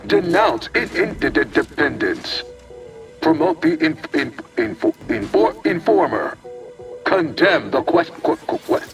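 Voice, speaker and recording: A man's voice: a little high, creaky, recorded from a distance, heavily acted. An actor playing a malfunctioning male AI computer, glitching and stuck repeating syllables and words in stiff, formal machine diction, with game music behind. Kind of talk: video game character dialogue.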